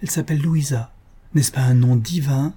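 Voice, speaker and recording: Guy reading as a young man around twenty, eager, impulsive, husky warm voice raised up. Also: medium pitch, normal speed, close to an everyday voice. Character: impetuous young man about twenty, in love. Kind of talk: audiobook character reading.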